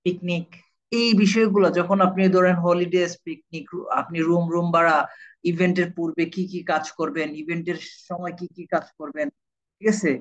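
Teaching IELTS live online, this man from Bangladesh repeats the main words and regularly checks his students' understanding. His high voice comes across flat at a normal speed, and the audio is dull.

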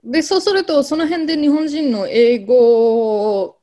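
A young woman talks easily as an interview guest, her voice sitting a little high. She rambles in a relaxed way, filling pauses with small hesitations and restarting her sentences. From Germany. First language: German. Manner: chatty, many fillers and restarts. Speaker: interviewee, German teacher. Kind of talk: casual conversational interview.

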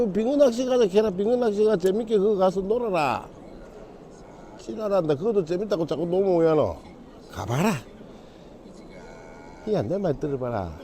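A middle-aged man with a Gyeongsang dialect, trading rough, teasing banter on a phone call with blunt slang. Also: sits high, animated, normal speed, warm tone. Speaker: fishing channel host.

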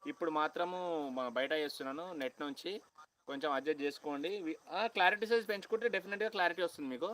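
A young man from Telangana with a Telangana Telugu accent, chatting loudly with viewers on a phone live stream outdoors on a college campus, half-shouting and greeting people by name. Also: on the high side, very fast, slight background noise, low-quality recording. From Telangana, India. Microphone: phone held at hand, no external mic.

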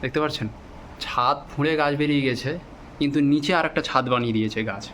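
A man guides viewers on an outdoor walking tour. He keeps his speech hushed and reverent, at an ordinary mid pitch. The on-location recording has clear ambient noise behind him. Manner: deliberately hushed, speaking softly in a cemetery. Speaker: vlog host and guide. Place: outdoors in a cemetery.

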